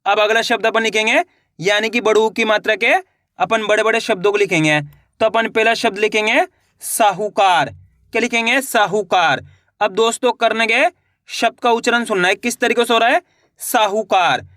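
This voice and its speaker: A man with a high voice leads a beginners' writing lesson and breaks each word into syllables that he draws out slowly. He says each word, asks for it back and keeps calling his viewers friends. The sound is dry and close, with no room around it. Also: bright, forceful tone, no room sound. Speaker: teacher.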